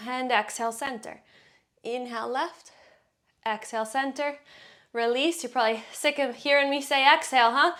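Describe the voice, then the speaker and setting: With a fairly high, fairly bright voice, a fitness instructor talks a group through a workout. She counts reps, cues breaths, and encourages them, a bit breathless because she's exercising along.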